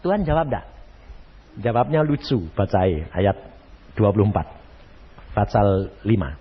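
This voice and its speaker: A man preaching a sermon, animated and acting out dialogues. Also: on the low side, a little slow, husky. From Indonesia. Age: 80s. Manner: animated, acts out dialogues in a shifting voice. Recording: dull lo-fi sermon recording.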